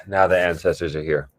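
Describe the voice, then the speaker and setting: A man with a very low voice leads a guided discussion, speaking slowly in a calm, reflective way. He lets long pauses and sighs sit between his thoughts. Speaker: host leading a guided discussion. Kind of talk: slow meditative guided talk.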